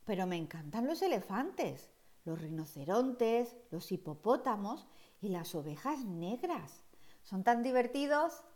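A woman voicing a cheerful, curious little girl in an expressive, wondering storybook read-aloud. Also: mid-range voice, unhurried. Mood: pensive.

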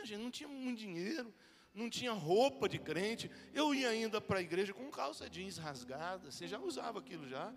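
High, lively Brazilian preacher man. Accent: Brazilian Portuguese. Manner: lively storytelling, acts out the people he quotes. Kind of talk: humorous sermon testimony.

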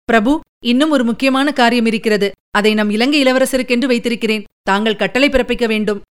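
A woman's voice: a little high, a little fast, clean tone, close to an everyday voice. A woman reading as an urgent army general. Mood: earnest. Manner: pressing, emotional report. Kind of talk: audiobook character reading.

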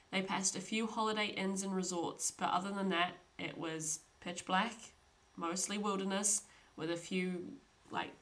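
A young woman hosts a podcast, telling a true crime story in a chatty, casual manner and laughing frequently. Her voice is lowish and a bit bright.

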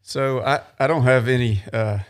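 A man's voice: mid-range voice, normal speed. A man in casual podcast chat who talks hesitantly, restarting and repeating words as he thinks. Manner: hesitant, repeats his words while searching for them.

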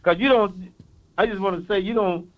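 A man's voice: high voice, steady tone, normal speed, lo-fi sound. A man from East Saint Louis with a local accent, calling into a sports show and earnestly reeling off stats. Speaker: caller. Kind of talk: call-in sports talk.

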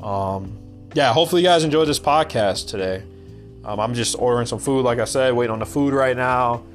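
A man's voice: mid-range voice, fairly quick, soft background music. A man from the United States hosting a podcast, talking in a blunt, rambling casual monologue and swearing freely. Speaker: podcast host.

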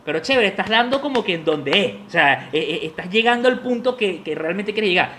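A man's voice: sits high, animated, brisk, sharp tone, slight background noise. A man with a Venezuelan accent co-hosting a casual chat, telling stories and acting out voices, laughing often. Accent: Venezuelan Spanish. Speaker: podcast co-host.

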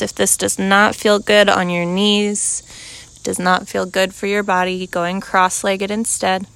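Slow, smooth-voiced woman guiding yoga. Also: mid-range voice, no room sound. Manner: calm, unhurried cueing in short measured phrases. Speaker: yoga instructor. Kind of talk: guided yoga class instruction.

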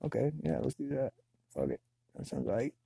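A man talking to himself in a casual, rambling monologue, laid-back and full of slang and swearing, high on weed. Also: sing-song, moderate pace, creaky, warm tone, slightly rough, dry recording. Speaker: solo talker.

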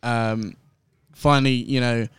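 A young man, guest host on a podcast, telling a long story in excitable, rambling casual chat full of fillers. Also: medium pitch, slow, clean tone, dry recording. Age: young adult.

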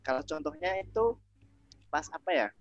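A man's voice: a little high, lively intonation, moderate pace, no room sound. A man speaks in a casual group chat, telling his story hesitantly and reflectively. The recording is dry and slightly dull. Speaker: discussion panelist.

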